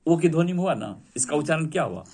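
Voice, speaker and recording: A man's voice: fairly high pitch, animated, quick pace, a little mellow. A man teaching English vocabulary to a class, drilling word meanings and asking students to repeat them.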